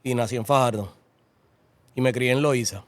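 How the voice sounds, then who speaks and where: A middle-aged man from Puerto Rico with a Puerto Rican Spanish accent, a guest in a casual interview, relaxed and often repeating his phrases. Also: medium pitch, moderate pace. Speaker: interview guest, horse breeder.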